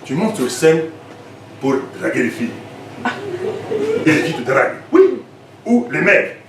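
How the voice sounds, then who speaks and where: A man voicing his strict father with a Congolese French accent, loud and scolding, pushed high. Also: very animated, measured pace. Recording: echoey club room, mic far, noisy.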